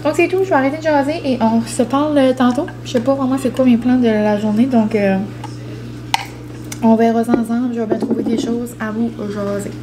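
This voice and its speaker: A woman's voice: a little high, steady tone, a little fast, background noise. Chatty New Brunswick French woman vlogger. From New Brunswick, Canada. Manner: chatty, rambling, full of fillers and slang. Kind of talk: casual chat to camera.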